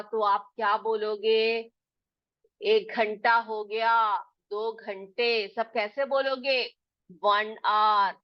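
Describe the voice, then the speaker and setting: Slow, patient woman teaching children. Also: a little high. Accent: Hindi. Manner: slow, patient, repeats questions and answers for children. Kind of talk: classroom lesson explaining silent letters. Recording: dull lo-fi recording.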